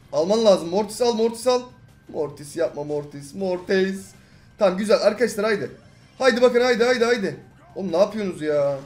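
A young man giving chatty, excitable live commentary over his own gameplay, muttering low one moment and yelling the next. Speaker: gaming YouTuber.

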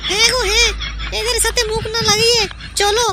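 A woman voicing a calm, sensible young village wife in a cartoon. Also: very high-pitched, quick pace. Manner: calm, urging her husband along. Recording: clear background noise.

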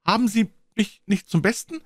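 A man voicing a bitter, desperate young man who breaks into high, overwrought outbursts. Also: moderate pace, no room sound. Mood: frantic.

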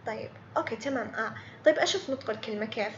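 A woman's voice: on the high side, racing, roomy sound, dull audio, a little hiss or hum. A woman teaching a beginner English grammar lesson online, patiently repeating words and quizzing students by name.

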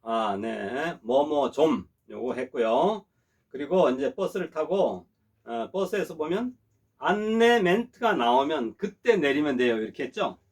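A middle-aged man teaching a language class, explaining polite phrases, checking often that students follow and saying example sentences slowly for them to repeat. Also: on the high side, expressive, slightly rough. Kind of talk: classroom lesson.

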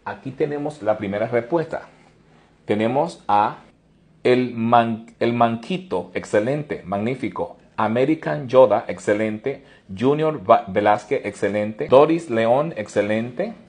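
Slow, deliberate male pronunciation teacher. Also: mid-range voice. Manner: slow, deliberate explanations, warm praise for each viewer. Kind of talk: live online lesson.

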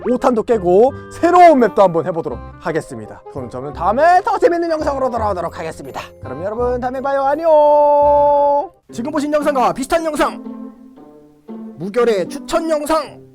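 A VR game YouTuber giving excited gameplay commentary, loud and playful, yelling at the characters in the game. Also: high voice, fairly quick, faint music behind.

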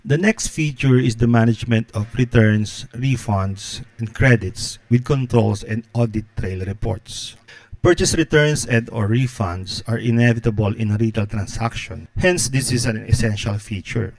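A man in his thirties talks through a prepared tutorial in a measured, explanatory voice. He sits close to a podcast microphone in a small home studio. The sound is dry, with almost no room echo. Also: mid-range voice. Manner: steady explanatory delivery, occasional filler. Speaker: host, business consultant. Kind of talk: scripted tutorial narration. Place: home studio with guitars on the wall. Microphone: close podcast mic in frame.

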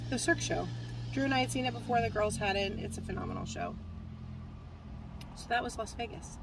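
A woman's voice: fairly high pitch, a little hiss or hum, poor audio. A woman in her forties chatting casually to a phone camera from a parked car, rambling with lots of fillers and restarts. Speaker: cross-stitch vlogger. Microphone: phone camera at arm's length.

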